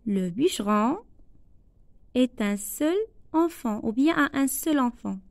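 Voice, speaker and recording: A woman teacher with a Moroccan accent, going slowly through a worksheet lesson, repeating each phrase and translating it into Arabic. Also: fairly high pitch, animated, gravelly, no room sound, studio quality. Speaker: primary school teacher.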